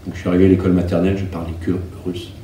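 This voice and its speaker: A middle-aged teacher whose native language is Russian recalls his own past in an interview, speaking slowly and reflectively in a very low, level voice. He hesitates often, with many pauses and fillers as he searches for words. He sits far from the mic in a roomy space, a faint ambient hum behind him.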